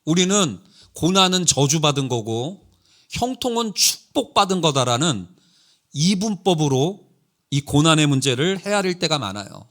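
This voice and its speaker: Middle-aged male preacher in a church, high and animated, brings anecdotes to life. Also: moderate pace. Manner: animated storytelling with quoted dialogue. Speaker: pastor. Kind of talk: sermon. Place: church sanctuary.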